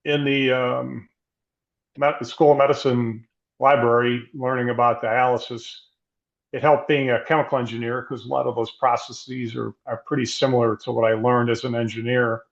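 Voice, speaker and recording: A middle-aged man, a guest physician, speaking in a measured, thoughtful way with frequent restarts. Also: mid-range voice, gravelly, muffled recording. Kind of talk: reflective interview conversation.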